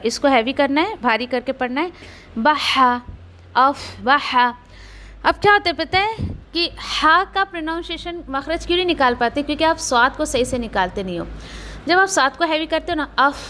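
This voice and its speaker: A woman teaches Quran recitation. She explains each rule patiently and says words slowly to model them, then repeats them. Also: sits high, pushed and bright, slight background noise. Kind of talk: tajweed lesson with slow recitation.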